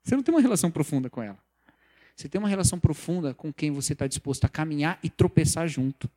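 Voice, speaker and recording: A man preaching a sermon, lively and conversational, acting out the quoted voices of people he talks about. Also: on the high side, very fast. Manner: animated, acts out quoted voices, mocking examples. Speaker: pastor or preacher.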